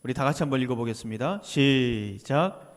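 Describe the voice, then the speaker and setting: A man's voice: sits high, expressive, normal speed. A male pastor giving a Sunday sermon in a conversational tone, often asking the congregation questions and imitating people's voices. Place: church sanctuary. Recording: church livestream with long hall reverb.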